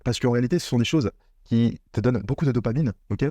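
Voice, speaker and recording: A man's voice: medium pitch, fast, mellow, dry recording. A man giving a motivational talk on business mindset straight to the viewer, earnest and repetitive. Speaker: online business coach. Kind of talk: direct-to-camera motivational talk.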